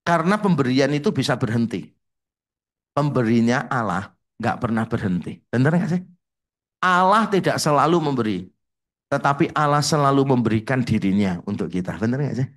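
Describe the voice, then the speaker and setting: A male pastor preaching, telling stories with lively quoted voices and putting rhetorical questions to the congregation. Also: normal speed. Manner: animated storytelling, acts out quotes with pitch jumps; mixes English phrases into his preaching. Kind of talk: sermon.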